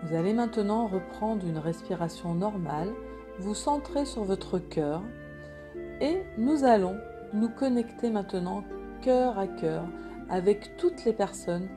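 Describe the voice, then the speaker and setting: A woman leads a guided meditation in a calm, gentle, soothing way, unhurried and with pauses. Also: mid-range voice.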